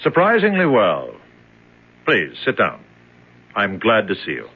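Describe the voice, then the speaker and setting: An actor in a 1970s radio drama, playing a polished, measured man who questions a freed prisoner. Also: fairly low pitch, wildly swooping pitch, vocal fry, a little hiss or hum, heavily acted. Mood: probing. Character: smooth, probing man in charge of the captive. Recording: dull old radio broadcast.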